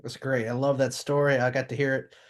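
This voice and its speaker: A man's voice: medium pitch, level tone, brisk. Friendly male interviewer.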